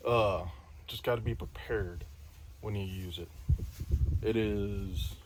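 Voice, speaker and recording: A man's voice: on the low side, fairly even intonation, slow pace, slight background noise. A man filming a casual how-to vlog outdoors by his truck, rambling and correcting himself as he talks plainly about the job. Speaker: vlogger.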